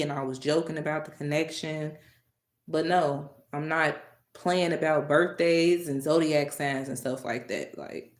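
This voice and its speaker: A woman with a deep voice hosts a live stream in an echoey room, talking casually and directly to her chat and getting animated and exasperated with commenters.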